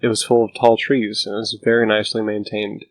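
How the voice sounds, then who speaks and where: A man reading a scripted scary story as narrator, with a low, hushed, haunting delivery and a gravelly creak in his voice. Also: level tone, a little fast, no echo. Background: music under the voice.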